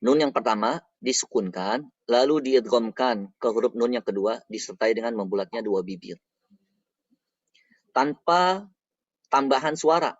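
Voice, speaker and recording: A man explains recitation rules in a patient teaching voice, going over each point again and again. His pitch sits in a steady middle range. The recording is dull and lo-fi, with a dry, close sound. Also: measured pace, dry recording. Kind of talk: explanatory lesson.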